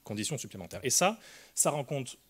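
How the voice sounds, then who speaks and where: A man's voice: mid-range voice, very animated, brisk, slightly rough. Hesitant man giving a lecture. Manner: careful explanatory delivery with frequent hesitations. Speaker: linguistics lecturer. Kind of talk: academic conference talk.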